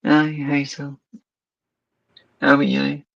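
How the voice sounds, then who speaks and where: A man on a live-stream panel talking slowly and wearily about being in pain. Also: on the high side, monotone, vocal fry, fairly bright tone, no room sound, dull audio. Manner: slow, weary, hurting. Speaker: panel guest. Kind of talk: casual live-stream chat.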